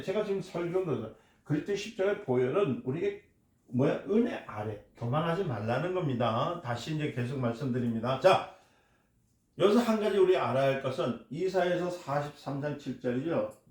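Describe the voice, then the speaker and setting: A man's voice: fairly high pitch, lively intonation, a little fast, darkish tone. A man preaching a sermon as a pastor, stressing points and asking his congregation questions. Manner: emphatic, asks the congregation questions and answers them. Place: church hall. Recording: echoey church hall.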